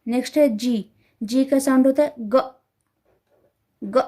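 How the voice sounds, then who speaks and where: A woman teaching letter sounds to parents, repeating each sound carefully and slowly. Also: sits high, mellow. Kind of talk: slow instructional explanation.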